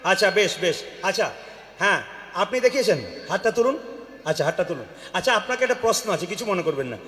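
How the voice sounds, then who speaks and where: A man with a Bengali accent giving a devotional sermon, questioning the audience and asking them to answer loudly. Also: high-pitched, expressive, fast. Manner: questions the crowd and calls for loud replies. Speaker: kirtan preacher. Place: hall with an audience. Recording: echoey hall with long reverb.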